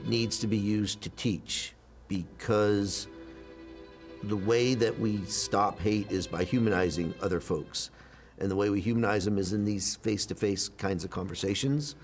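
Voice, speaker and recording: Man, lowish voice, interview, reflective and explanatory, some fillers. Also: unhurried, faint music behind. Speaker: foundation representative interviewed.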